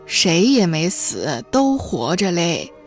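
Audiobook figure: earnest teenage boy, loud and exasperated, read by a woman. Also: lowish voice, very animated, slow, soft background music, pitched below the performer's own voice, exaggerated voice.

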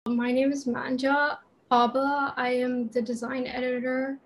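A woman's voice: sits high, little pitch movement, a little slow. A young woman, a university student and magazine design editor, talking casually and saying like a lot. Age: young adult. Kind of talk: casual chat.

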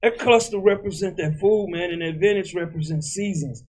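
A man with a high voice preaches a street-style sermon. He talks loosely and forcefully, repeats words as he builds each point, and keeps tagging "man" onto his lines. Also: moderate pace.

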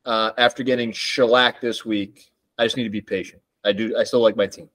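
A man's voice: fairly low pitch, steady tone, a little fast, a bit bright, dry recording. A man in a casual chat among friends, easygoing and a bit self-deprecating about his own setbacks. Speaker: podcast co-host.

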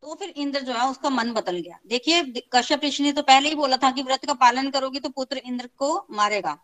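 Her pitch is high and a bit bright, captured on a rough recording. In a conversational style she recounts a scripture story to her audience, repeating phrases to stress them and mixing English into her speech.

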